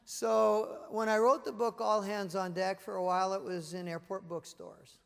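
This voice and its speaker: A man delivering a motivational keynote with a fairly high voice. He tells stories with energy and acts out the voices of the people in them. The room carries a long reverb. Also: moderate pace, creaky, smooth. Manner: animated storytelling, acting out voices. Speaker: motivational speaker. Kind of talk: live keynote presentation. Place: conference room with leadership audience.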